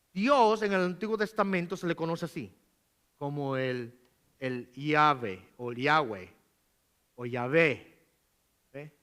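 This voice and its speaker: In church, a man gives sermon teaching as pastor, reading scripture emphatically and explaining patiently while posing rhetorical questions and frequently adding "¿verdad?". His voice is high-pitched and a bit bright.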